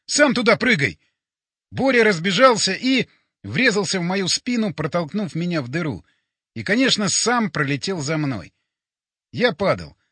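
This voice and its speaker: Close-miked in the studio, a man reads a science-fiction audiobook in the first person, his delivery lively and expressive. His voice sits high and sounds husky, and there is no echo.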